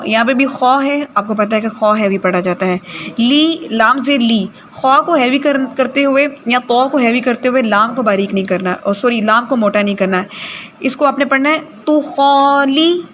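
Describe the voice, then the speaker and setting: Woman teacher in a recitation class, fairly high voice, stops to drag out words and fix how students say them, faint hiss behind. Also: fairly bright tone. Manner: corrects pronunciation, models words slowly.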